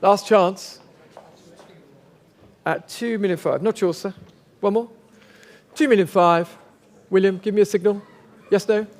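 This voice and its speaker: High-pitched male auctioneer calling bids. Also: fairly even intonation, measured pace, pauses often, a little mellow. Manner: polite, formal, coaxing bidders. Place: large auction sale room.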